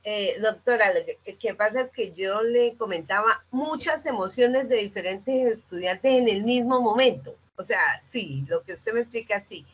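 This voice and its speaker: A woman's voice: medium pitch, normal speed, few pauses, slightly rough, muffled recording. A woman teacher asking the speaker a question from the audience, hesitant and restarting her sentences.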